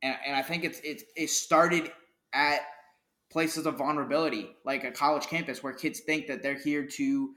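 A young man co-hosting a casual opinion chat, emphatic and quick to agree, often restarting his sentences. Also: fairly high pitch, steady tone, bright, forceful tone. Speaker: podcast co-host. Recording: echoey room.

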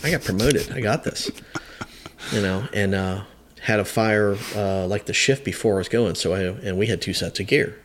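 A man's voice: lowish voice, steady tone, normal speed, fairly bright tone, slight background noise. A man in his fifties, a veteran firefighter, telling a long story in a podcast chat, rambling with hesitant restarts. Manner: rambling, hesitant, many restarts, acts out quotes. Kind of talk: conversational storytelling.

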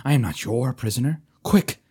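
A man's voice: medium pitch, a little slow, darkish tone, voice pushed up, natural voice. A man reading aloud, voicing a tormented young knight who begs to be freed, his pleading rising toward shrieks.

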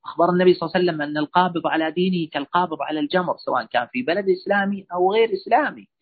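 A man's voice: high-pitched, very fast. A man giving a religious lecture on parenting, answering listeners' questions in an earnest, admonishing way with lots of repetition. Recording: husky voice over a tinny phone-like line.

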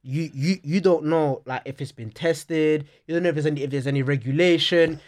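A man's voice: a little high, fairly even intonation, brisk, a little mellow. A man with a London roadman accent chatting casually on a podcast, slangy and often checking that he is understood. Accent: London, urban slang. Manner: slangy, repeats "you know what I'm saying".

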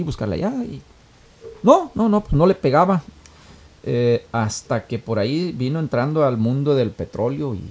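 A middle-aged man tells a story in a folksy, rambling manner. His pitch sits in a typical male middle range, and he speaks as a casual monologue full of fillers. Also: mellow, husky. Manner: folksy, many fillers like "este".

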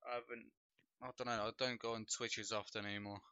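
Low, bright-toned man chatting loosely. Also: fast talker, smooth, dry recording, lo-fi sound. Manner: relaxed, rambling, thinks out loud. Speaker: podcast host and streamer. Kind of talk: casual gaming chat.

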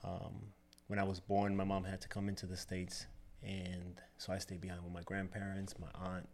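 A man's voice: sits low, completely flat delivery, normal speed. A man from the Dominican Republic, a barber and shop owner, telling his story in an easygoing way, loose with you know and uh. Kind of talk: casual interview.

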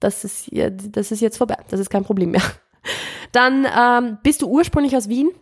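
A young Austrian woman hosts her podcast, fielding listener questions in a chatty, rambling monologue. Her voice is on the high side and moves at a moderate pace, and she often corrects herself and slips in English words.

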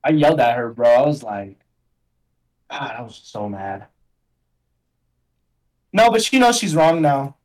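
A man's voice: mid-range voice, very animated, unhurried, pauses often, rough recording. A young man chatting casually as a podcast guest, rambling in slang and filling his talk with "like" and "bro". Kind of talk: casual chat.

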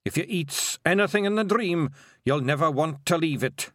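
A man voices a boastful little male pixie chieftain with a Scottish accent, pitching his voice above his own natural range. The delivery is gruff, a little high, fairly bright and lively in intonation at a moderate pace. The studio recording is clean with no room sound.

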